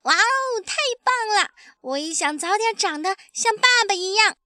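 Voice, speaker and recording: A small, eager baby ankylosaurus chirps in a high, childlike voice that leaps up and down, as a woman puts it on for a storybook. The tone is bright and sparkling. The recording is close and dry. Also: animated, unhurried, no room sound, heavily acted.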